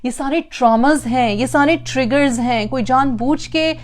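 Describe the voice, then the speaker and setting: A woman's voice: sits high, moderate pace. A woman giving an emphatic parenting talk, repeating phrases for stress and mixing in English words. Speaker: parenting speaker. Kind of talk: lecture on parenting.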